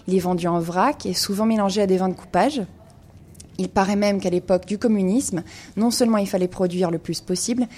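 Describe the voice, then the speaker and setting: A wine columnist on the radio, this woman has a mellow, medium-pitched voice. She explains informatively, though her speech is peppered with hesitant "euh" sounds.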